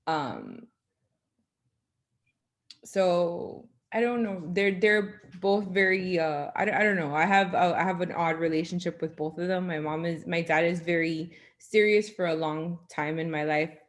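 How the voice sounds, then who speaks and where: Woman, very low voice, impromptu answer, frank, thinking aloud, lots of ums. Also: measured pace. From United States, Cuban parents. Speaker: guest answering a question. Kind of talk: impromptu speech on a video call.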